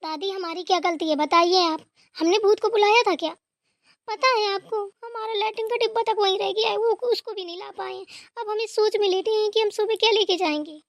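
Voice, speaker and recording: A woman voicing a flustered young daughter-in-law who protests excitedly in a comic family skit. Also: extremely high pitch, brisk, no echo, studio quality.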